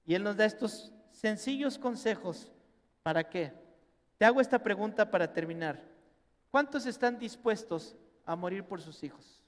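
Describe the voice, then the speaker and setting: A middle-aged man with a Mexican accent preaching a sermon as pastor, animated and acting out family members in quoted voices. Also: high-pitched, moderate pace. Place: church hall. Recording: long reverb in a church hall.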